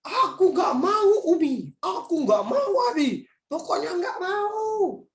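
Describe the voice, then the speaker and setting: A man's voice: very high voice, sing-song, slow pace, roomy sound, voice pushed up, full character voice. A man voicing a crying little boy throwing a tantrum, with long, wailing whines.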